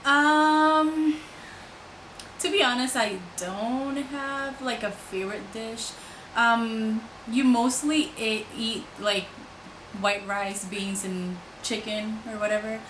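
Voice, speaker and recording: A woman's voice: fairly high pitch, fairly even intonation, takes it slowly, a bit bright, echoey room, slight background noise, low-quality recording. A woman from the Dominican Republic chatting casually on a vlog, giggly and rambling. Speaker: vlogger. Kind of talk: casual chat.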